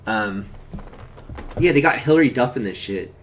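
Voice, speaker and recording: A stream host with a medium-pitched voice and lively intonation chats casually about films at a normal speed. His movie talk rambles and is casually profane.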